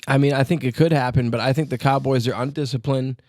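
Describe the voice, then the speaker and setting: A man co-hosting a podcast with casual, rambling sports banter, excitable and freely swearing. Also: mid-range voice, fast talker, no room sound. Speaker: podcast co-host.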